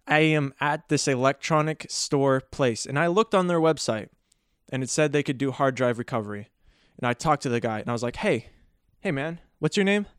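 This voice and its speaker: A man's voice: medium pitch, brisk, smooth, no echo, studio quality. A man hosting a solo podcast, telling a story casually in a joking, rambling way and often correcting himself. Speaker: podcast host.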